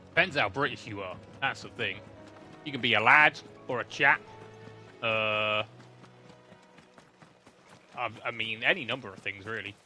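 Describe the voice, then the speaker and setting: Wyluzowany streamer gier, mówi bardzo wolno, jasny, napięty głos. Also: male voice, mid-range voice, unhurried, pauses often, pushed and bright, faint music behind. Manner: laid-back, joking, chatty. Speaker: game streamer. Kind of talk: live gameplay commentary.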